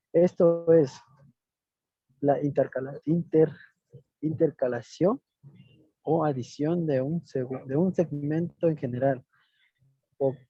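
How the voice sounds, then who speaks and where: An Ecuadorian man, a student, reading aloud haltingly in an online class over a video call. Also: fairly high pitch, dry recording. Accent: Ecuadorian Spanish. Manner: slow, halting reading with restarts. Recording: tinny, dry phone-like line.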